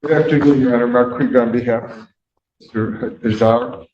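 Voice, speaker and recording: A man's voice: mid-range voice, steady tone, muffled recording. A man working as defense attorney, arguing formally before the judge and reading from case documents, heard through a courtroom recording. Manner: formal, measured, addresses the judge. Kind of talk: courtroom argument.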